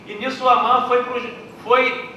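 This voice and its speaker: A man's voice: extremely high pitch, little pitch movement, measured pace, sharp tone, lo-fi sound, a little hiss or hum. A male pastor preaching a fervent storytelling sermon in a church. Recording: echoey hall from far off.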